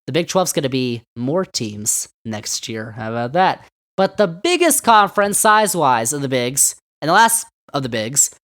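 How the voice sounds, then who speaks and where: A man's voice: a little high, fairly bright tone. A man hosting a solo sports podcast, talking sarcastically and throwing rhetorical questions at his listeners. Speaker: podcast host.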